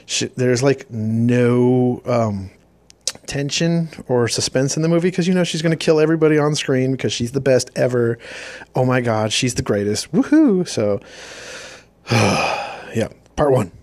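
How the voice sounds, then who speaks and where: A man's voice: mid-range voice, unhurried, darkish tone, no room sound. Sarcastic man recapping a movie. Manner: sarcastic, mocking. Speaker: movie reviewer. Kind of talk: casual rambling movie recap.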